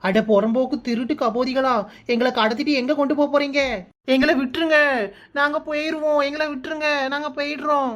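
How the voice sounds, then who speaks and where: A woman's voice: sits high, fairly even intonation, a little fast, dull audio, natural voice. A woman voicing a brash young bride-to-be in a cartoon, with a Kanyakumari Tamil accent, hurling insults and wailing for help. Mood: scolding panicky. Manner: scolding, wailing, full of insults. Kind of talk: cartoon voice acting.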